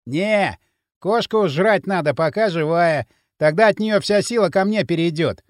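A man's voice: sits high, a little slow, dry recording, studio quality. A man doing a wild, edgy gang leader. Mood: agitated. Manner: loud, nervous, menacing. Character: wild, excitable young male gang leader. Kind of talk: audiobook character voice.

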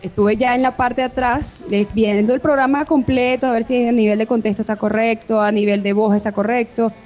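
A woman's voice: a little high, steady tone, fairly quick, darkish tone. A woman voice actress being interviewed over an internet call, talking earnestly in looping restarts. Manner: earnest, talks in restarting loops. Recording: dull call audio with music under.

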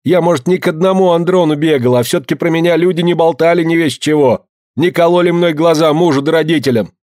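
A man's voice: mid-range voice, normal speed, a little mellow, no echo, studio quality, natural voice. A man reading a story, voicing an elderly village mother who scolds her daughter in breathless outbursts. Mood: shrill angry. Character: scolding elderly peasant mother, quick-tempered.

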